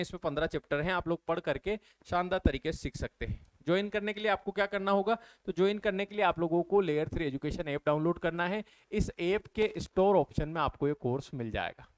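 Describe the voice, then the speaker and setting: A man teaches an exam-prep maths lesson, walking through each step and asking his viewers question after question. His voice sits high and sounds smooth and resonant. The recording is dry and close. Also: no echo. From India. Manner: explains step by step, keeps asking the viewers questions and answering them.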